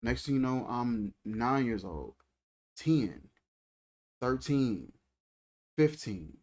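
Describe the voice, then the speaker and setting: Guy in his thirties doing a laid-back faith talk, repeats himself, mid-pitched voice. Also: very animated, slow, darkish tone. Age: 30s. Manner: repetitive, conversational, colloquial. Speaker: faith channel host.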